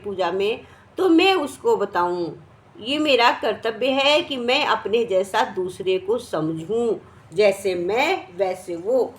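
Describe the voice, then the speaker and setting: A woman giving a devotional sermon in Hindi, teaching through a parable whose characters she voices in turn. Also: a little high. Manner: retells a parable, voicing each character. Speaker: devotional speaker.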